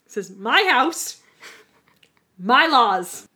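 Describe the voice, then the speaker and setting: A woman's voice: a little high, animated, extremely slow, bright, forceful tone. Blunt, swearing woman podcast host. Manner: blunt, bossy and profane. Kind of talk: casual chat. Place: at home.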